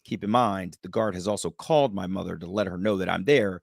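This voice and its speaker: Guy with a lowish voice telling his story on a podcast, super animated, does all the voices, dry close sound. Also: brisk, creaky, no echo. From United States. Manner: animated, acts out quoted voices. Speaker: podcast guest. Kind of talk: storytelling in a casual interview.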